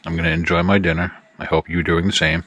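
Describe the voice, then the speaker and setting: A man talking casually to his viewers outdoors at a campsite by the campfire, relaxed and friendly as he addresses them directly. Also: low-pitched, fast talker, no room sound. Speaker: camping vlogger. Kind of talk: casual vlog talk to camera.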